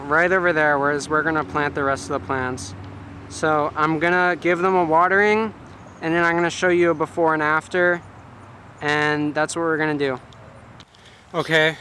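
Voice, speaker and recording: In his home garden, a man films a casual outdoor vlog on a handheld camera, rambling and filling pauses constantly. His pitch is fairly high and his tone fairly bright, with a little background noise.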